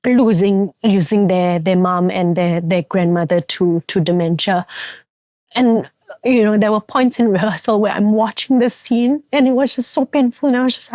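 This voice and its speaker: Woman, singaporean accent, young adult, reflective casual podcast talk, mid pitch, dry close mic. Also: a little mellow, no room sound. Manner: reflective, frequent fillers and restarts. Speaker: podcast co-host and theatre actress.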